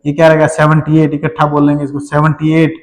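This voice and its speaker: A man's voice: a little high, completely flat delivery, quick pace, big-room sound, rough recording. A man with an Indian accent teaching a math lesson, explaining step by step and often checking in with his students.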